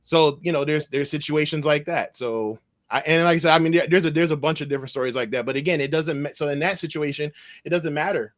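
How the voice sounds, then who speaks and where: A man guest on a podcast, telling a long anecdote in a loose, animated way and acting out the dialogue as he goes. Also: fairly high pitch, fast talker. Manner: animated, acts out dialogue in his stories; loose phrasing with frequent restarts. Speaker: podcast guest, cybersecurity consultant. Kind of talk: conversational storytelling.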